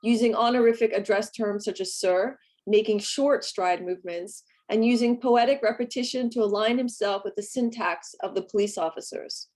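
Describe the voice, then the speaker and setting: A woman presenting a scripted conference paper in a formal, measured manner. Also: mid-range voice, darkish tone. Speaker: academic presenter.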